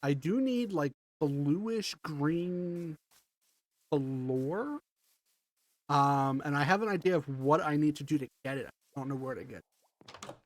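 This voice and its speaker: A livestream gamer builds in a block-building game, thinking aloud and rambling through casual commentary while congested from allergies. His voice is on the high side, animated, and slow.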